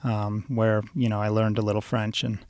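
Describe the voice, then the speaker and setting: A chef in his forties, born in Switzerland and raised in New York City, talks casually as an interview guest. He's a relaxed, rambling storyteller full of ums and uhs, with a smooth, resonant, fairly low voice at normal speed. The recording is dry and close.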